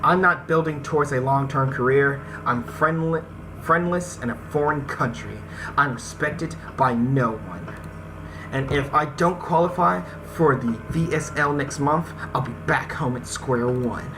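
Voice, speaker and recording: A low-quality recording, backed by visual novel game music, carries a medium-pitched voice going a little slow. The gaming host reads the text aloud for a let's-play, stumbles on some words, and talks straight to viewers in casual asides.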